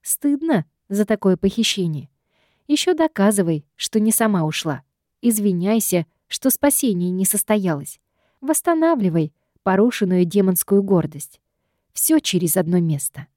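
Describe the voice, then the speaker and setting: A woman's voice: mid-range voice, lively intonation, normal speed, mellow, no room sound, clean studio sound. Wry woman narrating an audiobook. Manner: wry, sardonic storytelling. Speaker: audiobook reader. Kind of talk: first-person audiobook narration.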